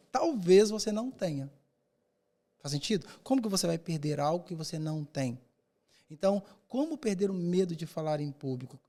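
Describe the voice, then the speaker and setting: A man's voice: fairly high pitch, dark tone. A man who mentors public speaking, answering in a podcast interview with emphatic, rhetorical delivery and repeated words for effect.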